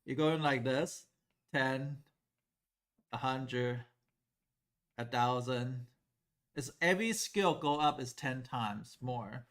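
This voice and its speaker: A middle-aged man from Taiwan teaching a math class in a classroom, lively and asking the class questions. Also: mid-range voice, slow, pauses often. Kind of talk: classroom lecture at a whiteboard.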